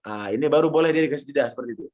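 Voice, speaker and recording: A man with an Indonesian accent teaching Quran recitation in an online lesson, patiently correcting a student and repeating sounds slowly. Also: mid-range voice, darkish tone, muffled recording.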